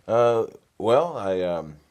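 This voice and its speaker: A Norwegian guitarist and recording engineer answers questions in a casual interview, full of fillers and restarts. His voice is lowish and a little mellow, with big pitch swings and a slow pace, picked up by a lapel mic indoors in his small home studio.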